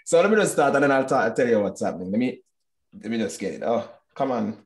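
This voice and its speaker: A man's voice: medium pitch, very animated, quick pace. A man, a reggae singer chatting easily and joking as a guest. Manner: easygoing, joking, laid-back. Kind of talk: casual video-call chat.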